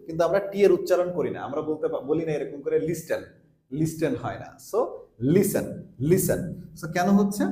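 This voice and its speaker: A man gives a pronunciation lesson, his fairly high voice rising and falling in a lively way. He explains step by step and says each example word several times. The room around him is echoey. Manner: explains step by step, repeats example words slowly. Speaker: English teacher.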